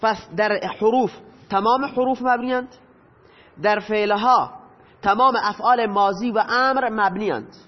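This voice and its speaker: A high-pitched man lectures patiently, posing questions and answering them himself. His voice rings with a long reverb. The sound is dull and lo-fi. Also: steady tone. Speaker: teacher. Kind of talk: lecture explaining Arabic grammar.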